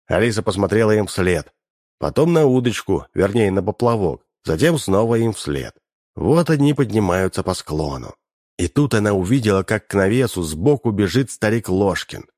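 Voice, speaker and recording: A man with a lowish voice narrating an audiobook like a lively storyteller. The recording is dry and close, with no room sound. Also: normal speed, no echo.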